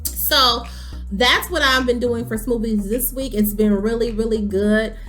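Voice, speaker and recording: A woman in her thirties chatting casually to camera as a vlogger, animated and full of ums. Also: on the high side, a little slow, soft background music. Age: 30s.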